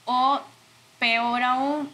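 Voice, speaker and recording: Woman, slightly high voice, thoughtful interview guest, some background noise. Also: steady tone, very slow, bright, forceful tone. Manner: thoughtful, searching for words with self-corrections. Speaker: interview guest, audiovisual art director. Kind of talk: conversational interview, reflective.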